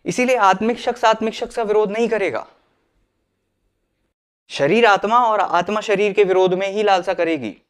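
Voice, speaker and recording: A man's voice: high voice, moderate pace, pauses often, clean tone. A man preaching an earnest sermon, mixing English phrases into his talk and acting out the people he quotes. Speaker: pastor.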